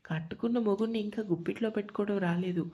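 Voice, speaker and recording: A woman's voice: medium pitch, fast, mellow, slightly rough, lightly acted. Woman playing a taunting mother-in-law. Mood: haughty. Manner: haughty, taunting. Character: scheming older mother-in-law, haughty and taunting. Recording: lo-fi dull sound.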